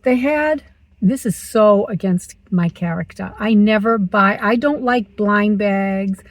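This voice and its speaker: A woman's voice: medium pitch, slow, no room sound, poor audio. A woman in her sixties vlogging from her parked car, chatty and teasing herself as she talks. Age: 60s. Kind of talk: casual chatty vlog.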